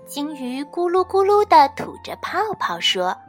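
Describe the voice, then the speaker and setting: A woman reading a children's storybook aloud, expressive and measured. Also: high-pitched. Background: faint children's music.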